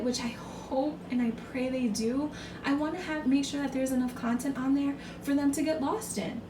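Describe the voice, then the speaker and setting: A woman with a froggy, strained, fairly high voice gives a casual pick-a-card tarot reading, earnest and encouraging, often repeating herself. She sits far from the mic in an echoey room, with music and noise in the background.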